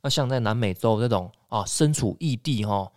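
A man's voice: lowish voice, animated, normal speed, a little mellow, dry recording, studio quality. A man from Taiwan hosting a podcast, joking easily and chiming in with short replies. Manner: easygoing, jokey, fills in with short replies. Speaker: podcast host. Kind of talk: casual podcast chat.

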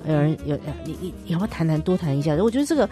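Mellow, low-voiced woman hosting a podcast. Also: animated, racing, soft background music. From Taiwan. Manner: attentive, many short affirmations. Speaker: podcast host. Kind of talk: casual podcast interview.

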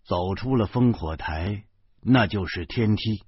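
A man telling a story in lively, dramatic Beijing colloquial speech, with a Beijing accent. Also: on the low side, unhurried, slightly rough, dry recording. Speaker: audiobook narrator. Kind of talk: storytelling narration. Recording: muffled, dry close recording.

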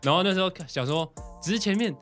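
A young man with a Taiwanese Mandarin accent telling a story in casual podcast chat, animated, laughing often and acting out what people said. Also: high-pitched, quick pace, faint music behind. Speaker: podcast co-host.

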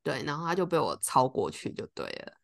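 Lively low-voiced woman telling a story. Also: brisk, vocal fry. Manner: animated, acts out quoted lines. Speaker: podcast co-host. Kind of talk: casual storytelling chat.

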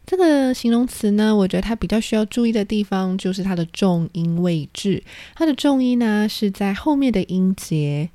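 A woman's voice: medium pitch, lively intonation, moderate pace, few pauses, warm tone, dry recording. A woman teaching English vocabulary, patiently spelling out each word letter by letter. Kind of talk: spoken vocabulary lesson.

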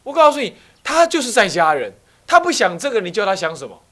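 A man with a Taiwanese Mandarin accent, a Buddhist abbot giving a dharma talk, animated and full of rhetorical questions to his listeners. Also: high voice, quick pace. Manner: slips into acted voices of family members.

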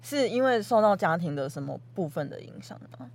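Woman, Taiwanese Mandarin accent, quick talker, expressive pitch, direct questions, casual interview host. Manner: inquisitive, direct. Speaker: podcast interviewer.

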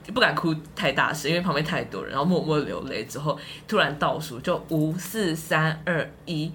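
Guest spot: a Taiwanese woman, animated storyteller, bright clear tone, quick to laugh. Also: sits low, a little hiss or hum. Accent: Taiwanese Mandarin. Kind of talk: casual podcast chat.

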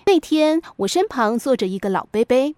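A woman hosting a podcast, reading a scripted reflective essay in a measured, moralizing storyteller's manner. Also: high voice, expressive, darkish tone, no echo. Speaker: podcast host.

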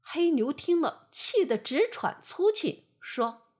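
A woman narrating a bedtime fable with a gentle, expressive storytelling manner. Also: high-pitched, slow pace.

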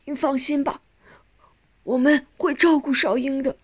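A woman voicing a gentle eldest son who speaks softly and reassuringly in an audiobook. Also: fairly high pitch, moderate pace, husky, no room sound, pitched above the performer's own voice. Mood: soothing. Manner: soft reassuring.

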